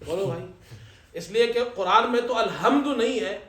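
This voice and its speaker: Imam giving a sermon, highish voice, jokey stories, big echoey hall. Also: male voice, a bit bright. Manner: humorous storytelling, slow chanted Arabic recitation. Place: event hall at a ceremony.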